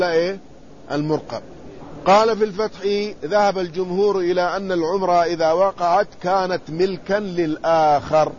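A man with a high-pitched voice teaches a hadith lesson, reading lines from a classical commentary and unpacking each one in plain words. He often pauses to pose a question and answer it himself. The recording sounds slightly dull, with a faint hiss of noise behind him. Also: a little mellow. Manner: reads quoted text then explains it plainly, pausing to ask and answer himself. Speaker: Islamic scholar teaching hadith.

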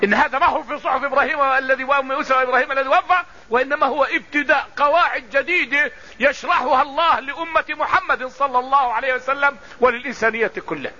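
A man with a very high, bright voice teaches the readings of the Quran. He explains at a brisk clip and slows down to recite the verses. The sound is dull and lo-fi, like an old radio recording. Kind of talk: religious lesson on Quran recitation.

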